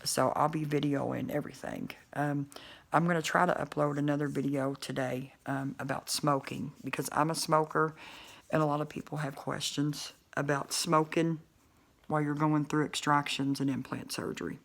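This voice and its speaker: Woman, gravelly voice, talks thick through a bulky denture, loose and rambling. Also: low-pitched, fairly even intonation, normal speed. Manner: rambling, many fillers and restarts. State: speech muffled by a bulky denture. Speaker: vlogger. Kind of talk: casual talk to camera.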